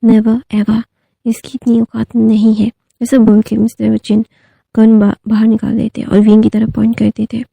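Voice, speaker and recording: Gravelly, dark-voiced woman storyteller. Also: on the high side, monotone, normal speed, no echo, rough recording. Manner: conversational, many fillers and asides. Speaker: story narrator. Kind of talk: casual storytelling retelling of fan fiction.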